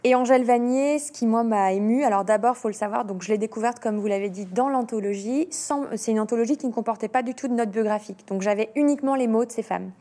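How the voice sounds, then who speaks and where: A woman, an author and illustrator, talking in an interview, animated and hesitant, often restarting her sentences. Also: on the high side, fast talker, few pauses. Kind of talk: interview talk.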